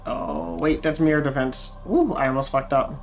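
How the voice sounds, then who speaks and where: A man's voice: medium pitch, sing-song, normal speed, soft background music. A young man livestreaming gameplay, rambling casually, correcting himself mid-sentence and swearing now and then. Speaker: livestreamer playing a video game.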